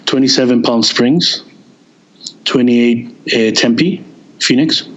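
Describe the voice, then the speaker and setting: A man guesting on an interview as a touring band member, telling stories in a halting way with many restarts and searches for words. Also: medium pitch, fairly bright tone, muffled recording. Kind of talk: casual interview chat.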